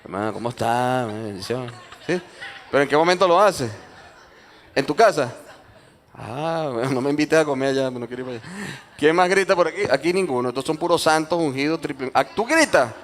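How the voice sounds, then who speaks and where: A man's voice: a little high, slight background noise. A man, a pastor preaching a sermon in church, joking with and teasing his congregation. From Venezuela.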